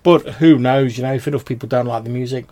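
Talking fast in a medium-pitched, darkish voice with a steady tone, a man hosts a podcast and responds to listener voicemails. It's casual and chatty podcast talk, and "dude" comes up a lot.

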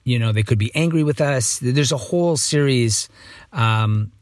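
Casting note: middle-aged male host, chatty and self-correcting, slightly hoarse, dry close sound. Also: mid-range voice, a little slow, dry recording. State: morning voice, a bit hoarse. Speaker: podcast host. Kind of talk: casual monologue.

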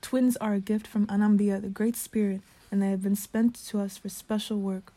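A woman's voice: mid-range voice, little pitch movement, moderate pace, dark tone, natural voice. A woman reading aloud the words of a solemn old male prophet in a storybook tale, in a voice close to her own.

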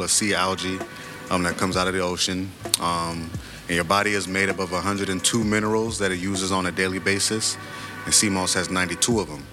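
A male guest from Florida in the United States, a sea moss vendor, gives a casual sales pitch and chats. His very low voice is plainspoken, confident and boastful, like a self-assured pitchman. Music plays clearly behind him.

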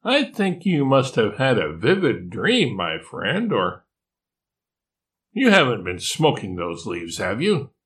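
An older man voicing a mischievous female bearded dragon who keeps a falsely calm, concerned tone in a storybook. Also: mid-range voice, slow pace, heavily acted. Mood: mock concern. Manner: feigned calm, teasing, deadpan concern.

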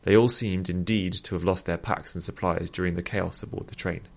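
A man narrating a fiction story aloud in a steady storytelling manner. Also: sits low, fairly quick, creaky.

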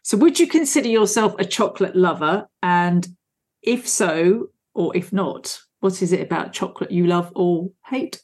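A woman hosting a podcast interview, asking polite, measured questions. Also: fairly low pitch, animated, a little mellow. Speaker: podcast host.

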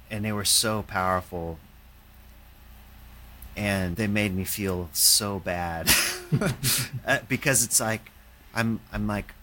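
A man, a painter, talking in a halting, reflective way, with many fillers and restarts. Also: fairly low pitch, bright, forceful tone. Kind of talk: casual conversation.

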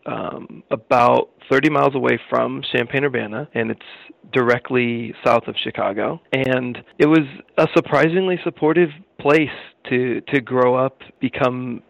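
An American man in his forties talking casually as an interview guest, halting and reflective as he goes. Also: medium pitch, vocal fry, dry recording, low-quality recording. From Illinois, United States. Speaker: interview guest, record label co-founder.

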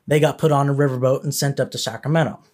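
A man's voice: mid-range voice, fairly even intonation, quick pace, darkish tone. A man hosting a podcast, narrating a history story with the occasional filler word. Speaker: podcast host.

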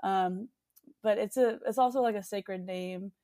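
A woman's voice: medium pitch, measured pace, warm tone. A young woman from the United States, a singer-songwriter guest chatting casually in an interview, full of fillers and restarts.

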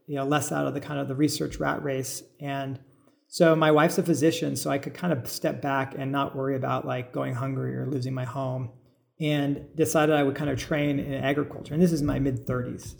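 As a podcast guest, a biologist who became a farmer answers interview questions conversationally, explaining things thoughtfully and informally while thinking out loud. He's a middle-aged American from suburban California with a medium-pitched, creaky, darkish voice.

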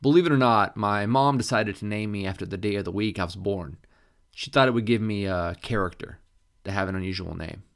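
Low-voiced guy reading a novel aloud, first person, measured and even. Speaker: audiobook narrator. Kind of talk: first-person scripted narration.

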